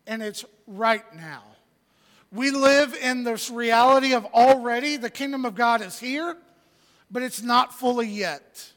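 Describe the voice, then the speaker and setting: A man preaching a sermon as pastor, swinging from loud emphatic declarations to hushed, quiet lows. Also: big-room sound. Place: church sanctuary.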